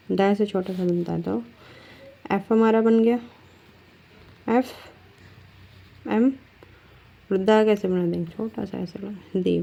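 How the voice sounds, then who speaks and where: Slow, gravelly-voiced woman teaching shorthand. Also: mid-range voice, dark tone. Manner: slow, patient, asks students questions then answers; drags out words while writing. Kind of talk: step-by-step shorthand lesson.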